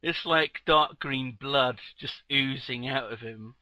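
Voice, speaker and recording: A man as game master, narrating a tabletop game with sweary, amused, excitable banter. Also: mid-range voice, takes it slowly, no echo, rough recording.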